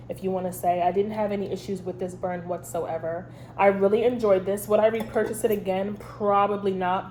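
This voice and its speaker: Hosting a candle review vlog, a woman with a head cold chats in a stuffy, congested voice that is mid-range and dark. She rambles casually with lots of ums, and a little hiss or hum sits in the audio.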